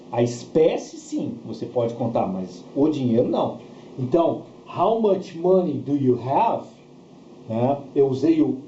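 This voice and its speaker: This English teacher, a man with a Brazilian accent, has a medium-pitched, dark-toned voice. His bilingual grammar lesson is didactic, built on repetition and quick check questions, captured in a dull, roomy recording with faint noise.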